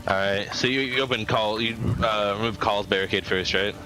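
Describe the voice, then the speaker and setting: A man's voice: on the low side, fairly even intonation, moderate pace, over music, poor audio. A man narrating a tabletop game as game master, mixing casual talk with scene description.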